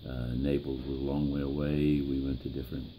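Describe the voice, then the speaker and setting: An elderly American man with a gravelly old voice, reminiscing in a plain-spoken, halting way in an interview. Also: very deep voice, flat delivery, dark tone, slight background noise. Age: 70s or older. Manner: plain-spoken, halting, pausing mid-phrase. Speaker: interviewee, grandfather.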